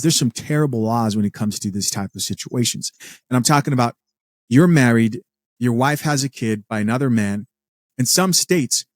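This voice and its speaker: A male host in his thirties gives measured commentary, turning to his viewers with rhetorical questions. His mid-pitched voice is recorded close and dry, with no room sound around it. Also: darkish tone, no echo. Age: 30s. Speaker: host reacting to clips. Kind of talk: commentary show.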